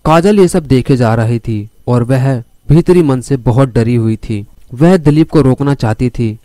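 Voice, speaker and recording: A man telling a crime story, speaking straight to his listeners as he moves the plot along. His voice is dark and mellow, and the recording is close and dry. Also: medium pitch, a little slow, dry recording. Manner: addresses listeners directly while telling the story.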